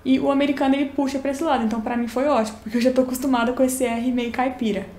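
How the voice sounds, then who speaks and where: In an echoey room with slight background noise, a young Brazilian woman from Minas Gerais, Minas accent, chattily explains and demonstrates English pronunciation. She talks rapid-fire, her high voice darkish in tone and fairly even in intonation.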